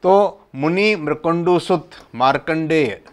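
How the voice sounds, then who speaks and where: Man, measured devotional teacher, very unhurried delivery, repeats each word's meaning. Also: a little high. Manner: recites verses, then explains each word slowly and repeats it. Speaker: religious teacher explaining a hymn. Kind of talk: slow devotional explanation.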